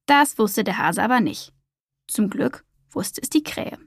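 A woman narrating a children's storybook in a calm, expressive reading voice. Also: mid-range voice, a little slow, gravelly, no echo, studio quality.

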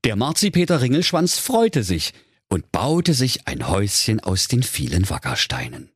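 A man narrating a comic fairy tale in a lively, playful storytelling manner, with a husky voice. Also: lowish voice, moderate pace, no room sound, clean studio sound.

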